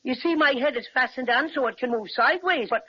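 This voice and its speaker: Cinnamon Bear, a jolly stuffed bear. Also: female voice, sits high, fast, sharp tone, slight background noise. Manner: jolly, folksy speech. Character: cheerful stuffed toy bear, good-natured and chatty. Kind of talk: 1930s radio drama acting. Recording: dull, lo-fi old radio recording.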